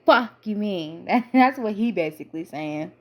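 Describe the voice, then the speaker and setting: A young woman giving a casual reality-show recap in a chatty, slangy, animated storytelling manner. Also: medium pitch, measured pace.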